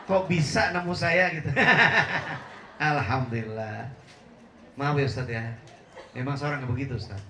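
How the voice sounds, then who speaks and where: A man's voice: mid-range voice, unhurried, long pauses, a bit bright. A middle-aged man preaching a humorous sermon to a live congregation, teasing the audience and laughing often. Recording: echoey room with faint hum.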